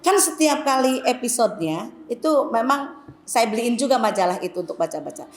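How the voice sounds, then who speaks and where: Chatty woman lecturing in an echoey hall. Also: fairly high pitch. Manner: chatty, storytelling, addresses the women as "Bu". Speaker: Islamic women's teacher. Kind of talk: conversational Islamic lecture with anecdotes. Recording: echoey hall, faint background noise.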